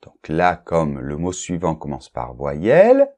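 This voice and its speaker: A man's voice: very deep voice, huge pitch swings, takes it slowly, a little mellow. A man teaching a French grammar lesson, talking straight to one learner, repeating sounds carefully and checking in often with "ok?" and "d'accord?". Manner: addresses the learner informally, one to one; spells out and repeats sounds for clarity.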